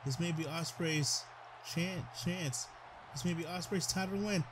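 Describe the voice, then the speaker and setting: A high-pitched man calls a video game match like a ringside commentator. He gets excited, trips over his words and shouts advice at the wrestlers. A steady hiss and game sounds sit under the voice. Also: unhurried.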